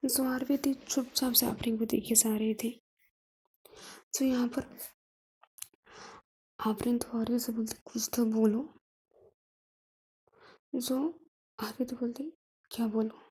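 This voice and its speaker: A woman telling a love story in a soft whisper, narrating each move as whispered storytelling. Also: fairly high pitch, level tone, slow, pauses often, breathy edge.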